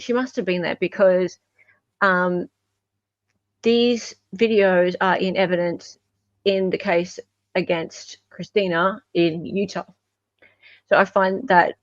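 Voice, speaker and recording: A woman with a medium-pitched voice hosts true-crime commentary, talking casually, chattily and wryly about court evidence videos. The recording is muffled, with no echo.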